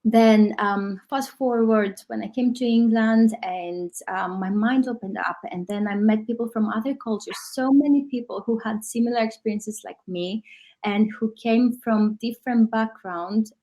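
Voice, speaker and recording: Woman from greece talking about her past in a workshop, kinda high voice, lots of ums. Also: steady tone, moderate pace, mellow. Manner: reflective, with frequent ums. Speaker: guest speaker, coach. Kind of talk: online workshop talk.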